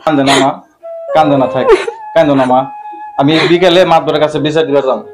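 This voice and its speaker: A man's voice: on the high side, fairly even intonation, fast, music in the background, lightly acted. A man playing a poor widowed laborer father who laments his hardship aloud. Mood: lamenting. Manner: lamenting, pleading to God. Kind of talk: amateur village drama acting.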